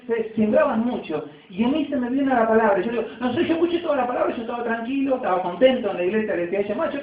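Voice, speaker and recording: Distant echoey Argentine preacher, high voice. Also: male voice. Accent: Argentine Spanish. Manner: conversational preaching with rising and falling emphasis. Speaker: pastor. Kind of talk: sermon. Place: church. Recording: echoey distant phone-like church recording.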